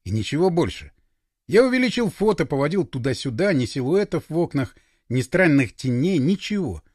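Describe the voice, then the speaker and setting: A man reading a first-person novel aloud as an expressive audiobook narrator, close to the microphone. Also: on the high side, brisk, dry recording. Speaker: audiobook reader.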